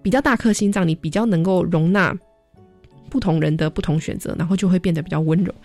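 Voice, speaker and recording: A young adult woman who works as a social worker tells stories in a radio interview, acting out the voices of the people she quotes. She's a lively storyteller with a fairly low voice who talks fast, while soft music plays in the background.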